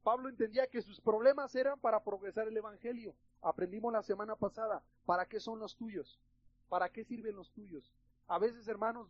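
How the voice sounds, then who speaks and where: A male pastor with a Mexican Spanish accent delivers an emphatic, chatty sermon in a high, husky voice. He keeps turning to the congregation and calling them brothers. The recording is slightly dull and lo-fi. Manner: emphatic, conversational, addresses listeners as brothers.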